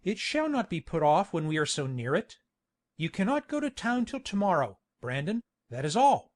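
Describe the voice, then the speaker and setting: A woman voicing a hearty, insistent country gentleman who speaks in a bluff, coaxing way. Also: lowish voice, big pitch swings, moderate pace.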